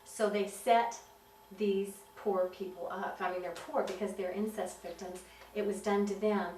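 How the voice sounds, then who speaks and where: A woman giving personal testimony, telling her story in an earnest, halting way. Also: mid-range voice, fairly even intonation, warm tone. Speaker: witness giving filmed testimony. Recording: roomy, distant mic with faint hiss.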